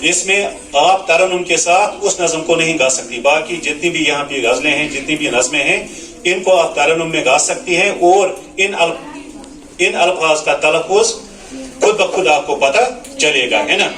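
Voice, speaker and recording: A male teacher walks through a lesson in a bright, forceful voice that sits a little high. He keeps checking that his students are following. The sound is roomy and the mic is set some way off. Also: moderate pace. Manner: explanatory, repeats "है ना" to check understanding. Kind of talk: classroom lesson on Urdu poetry recitation. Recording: echoey room, mic at a distance.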